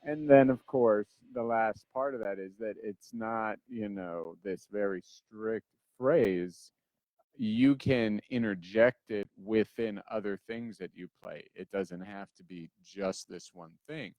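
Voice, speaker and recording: Relaxed man teaching drums. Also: fairly low pitch, slow, no room sound. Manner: relaxed, counts in aloud, wanders off topic. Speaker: drum teacher. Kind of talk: casual instructional talk.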